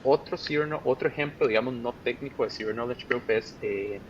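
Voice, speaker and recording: A man with a Costa Rican accent, a project manager being interviewed, who explains ideas step by step with plain examples. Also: a little fast. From Costa Rica. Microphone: video call. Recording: muffled call audio with faint rumble.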